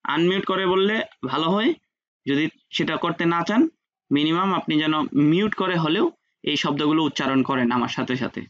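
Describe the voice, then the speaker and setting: A man's voice: on the high side, normal speed, a bit bright. A man teaching an online French class in Bengali, patiently drilling pronunciation. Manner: patient, repeats sounds for students to echo. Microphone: video call. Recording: dull lo-fi video call audio.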